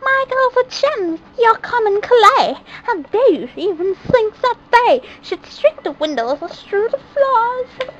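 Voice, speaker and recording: A woman voicing a cruel skeleton stepmother who scolds in a shrill, high voice, reading a storybook aloud. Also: big pitch swings, slow, highs cut off, a little hiss or hum, heavily acted. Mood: scolding.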